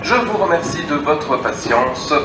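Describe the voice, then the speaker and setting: A man making formal, halting live train announcements over a PA system in a railway station. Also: fairly high pitch, animated. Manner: formal, halting, repeats information. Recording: echoey distant station PA, vehicle noise.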